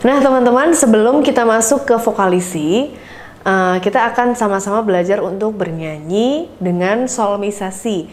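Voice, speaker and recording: A female vocal coach runs an online singing class, addressing students in a friendly manner with plenty of "eh" fillers. In between her explanations she sings scales and warm-up syllables, her pitch medium and her speed normal.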